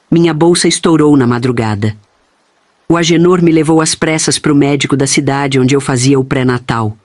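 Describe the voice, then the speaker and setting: A man reading a first-person family story in a steady, earnest storytelling manner. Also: a little high, no echo. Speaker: narrator.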